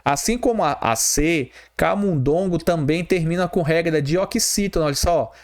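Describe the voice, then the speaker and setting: A man teaching an exam-prep grammar lesson, often slowing down to spell out letters and checking in with a quick question. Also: on the high side. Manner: spells out letters slowly, repeats "tá bom?" and "ó".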